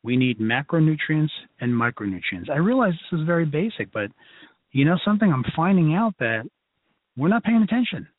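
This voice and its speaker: A man's voice: on the high side, big pitch swings, brisk, no echo. A man with a Brooklyn accent giving an informal, emphatic lecture to a class in a conversational, folksy way. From Brooklyn, New York. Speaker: lecturer, health educator. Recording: narrow phone-like line.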